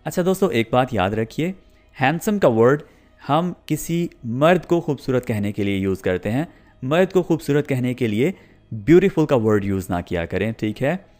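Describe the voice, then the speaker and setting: A man teaching a spoken English lesson, explaining pronouns and saying each example sentence slowly and carefully. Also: mid-range voice, a little mellow. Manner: slow, drawn-out model sentences between explanations.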